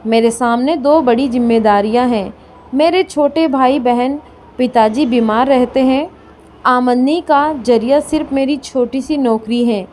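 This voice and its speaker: A woman voicing a firm, composed young daughter-in-law who reasons calmly in a storybook reading. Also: high-pitched, a little slow, a little hiss or hum.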